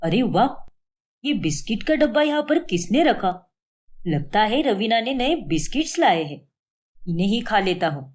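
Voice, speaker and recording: A woman's voice: mid-range voice, very animated, moderate pace, a little mellow. An eager young husband with a sweet tooth in a cartoon story, voiced by a woman. He talks casually, in a voice that rises and falls widely.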